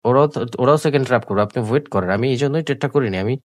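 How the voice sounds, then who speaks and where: A sick, coughing man, talking slowly through live trades on screen and repeating his points, mixing in English words. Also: mid-range voice, no echo. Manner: slow, repetitive explaining with English words mixed in. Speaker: trading tutor. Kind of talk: live trading screen commentary.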